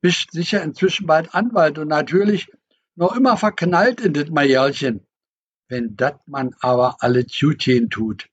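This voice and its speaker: A man reading as a booming old fisherman. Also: measured pace, slightly rough. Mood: teasing. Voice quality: booming, dialect-flavored folksy speech. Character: booming old male fisherman, hearty and teasing. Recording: dull lo-fi recording.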